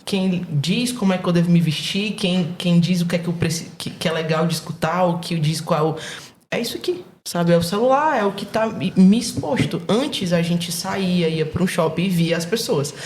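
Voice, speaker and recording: A woman guest on a faith podcast who talks quickly and tells stories with animation, often restarting her sentences. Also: fairly low pitch, a little mellow, a little hiss or hum. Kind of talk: casual faith podcast conversation.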